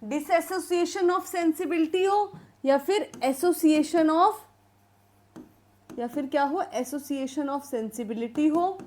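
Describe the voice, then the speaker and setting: A woman's voice: high voice, a little mellow. A woman teaching English literature in an exam revision lecture, reading questions out and explaining them step by step to her students. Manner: addresses students as "beta".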